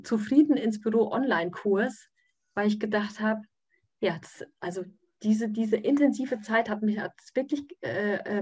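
Husky-voiced woman telling a personal story. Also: medium pitch, a little mellow. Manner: hesitant, many fillers and restarts. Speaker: course participant.

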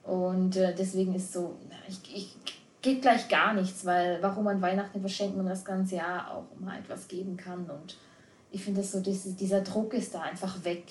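A woman's voice: on the low side, fairly even intonation, moderate pace, reverberant, a little hiss or hum. A woman in casual conversation, frank and a little hesitant. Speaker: conversation partner. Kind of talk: casual chat.

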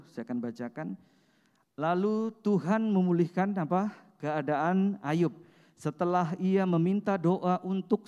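A man's voice: sits high, a little mellow, muffled recording. A man preaching a sermon, calling out to the congregation with repeated "amin" and "brothers and sisters" and asking them questions. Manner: preaching with call-and-response "saudara" and "amin". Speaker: pastor. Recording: long hall reverb with faint music.

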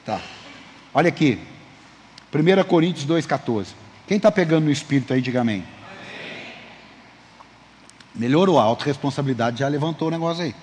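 A man preaching a sermon as pastor, lively, calling the congregation for amens and acting out short conversations. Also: fairly high pitch, fast, a little hiss or hum. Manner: lively, calls for amens and applause, acts out dialogue. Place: church sanctuary. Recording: long reverb of a church hall.

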